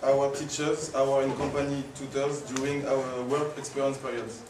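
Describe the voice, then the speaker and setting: A young man reads in a plain, measured voice. He sounds far from the mic, with room echo and noise behind him. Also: medium pitch, little pitch movement. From France. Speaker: student. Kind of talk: reading a prepared class presentation.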